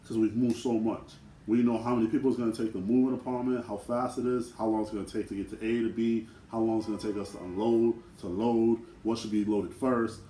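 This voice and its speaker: A man co-hosting a casual question-and-answer video with his twin brother, talking in a relaxed, slangy way. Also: fairly low pitch, brisk, hardly any pauses, distant mic. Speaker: co-host twin. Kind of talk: casual Q&A chat. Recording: echoey room with faint noise.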